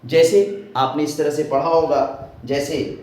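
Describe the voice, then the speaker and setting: Male grammar teacher, slow, repetitive, leans on tag questions; raised pitch, boomy echoey room. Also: fairly even intonation, darkish tone. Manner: asks questions and answers them himself. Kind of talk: Urdu grammar lesson.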